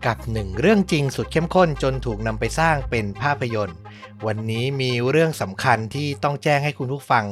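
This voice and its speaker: A man's voice: medium pitch, lively intonation, a little fast, faint music behind. A man hosting a podcast, chatting casually in a playful, teasing way. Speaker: podcast host.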